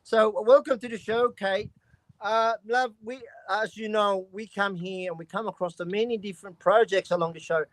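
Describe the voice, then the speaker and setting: High-voiced man hosting a livestream. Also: fairly even intonation, moderate pace, no room sound. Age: 50s. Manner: filler-heavy, calls the guest "love". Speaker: livestream host. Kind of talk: casual interview hosting.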